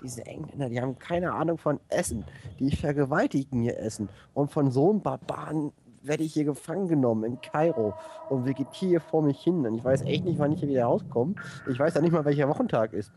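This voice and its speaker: A man's voice: a little high, fairly quick, warm tone, a little hiss or hum, natural voice. A man playing a grumpy, boastful prisoner who grumbles and curses theatrically, in a comedy audio play. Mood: grumbling.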